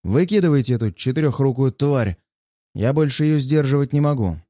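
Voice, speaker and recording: A man voicing a panicking male grandmaster who yells with shrill, desperate notes in an audiobook. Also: lively intonation, brisk, no echo, studio quality, lightly acted. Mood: strained. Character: panicking male grandmaster, sweating, losing his nerve.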